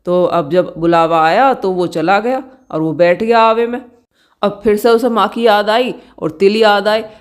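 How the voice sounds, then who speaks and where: Devotional tale narration, unhurried, homely, middle pitch. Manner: unhurried, homely storytelling with fillers. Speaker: devotional storyteller.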